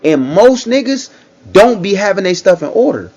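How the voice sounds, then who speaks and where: A man's voice: sits high, big pitch swings, moderate pace, a little mellow, muffled recording. A man giving casual reaction commentary, talking in a loose, repetitive way and often checking in with the listener. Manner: conversational, repeats himself, frequent "you know what I'm saying".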